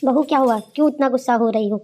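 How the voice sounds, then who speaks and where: A gentle, wise older mother-in-law in a cartoon story, voiced by a woman. She talks quickly but soothingly, in a soft, mellow voice with a coaxing manner. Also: high voice, slight background noise, lightly acted. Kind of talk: cartoon voice acting.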